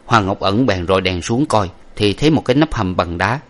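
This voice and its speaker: A man narrating an old adventure novel aloud in a steady, literary storytelling manner. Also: lowish voice, brisk.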